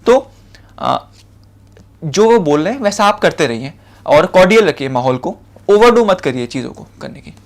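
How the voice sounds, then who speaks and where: This young Indian-accented civil services officer speaks at a moderate pace with a fairly high, sing-song pitch and long pauses. He gives interview advice as a relaxed, chatty lecture, using fillers and circling back to brief points.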